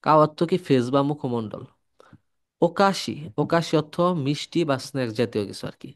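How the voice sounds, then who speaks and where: A man from Bangladesh, teaching a language lesson, repeating words and quizzing the listener. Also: mid-range voice. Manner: drills syllables slowly for practice. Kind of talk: classroom-style lesson.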